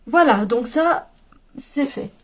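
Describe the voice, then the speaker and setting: Brief: French woman vlogger, chatty and rambling, laughs a lot, fairly high voice, casual home chat. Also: animated, slow. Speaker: knitting vlogger.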